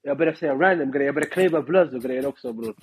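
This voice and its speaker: A man's voice: fairly high pitch, slightly rough, rough recording. A young man from Sweden with a Swedish street-slang accent, telling a story in casual chat and acting out the people in it. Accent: Swedish suburban street slang. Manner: animated, slangy, mimics people in English. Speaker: guest storyteller.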